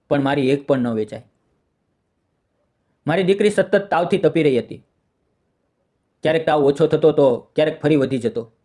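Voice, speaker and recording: A man narrating a scripted first-person family story in a steady, sorrowful way. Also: a little high.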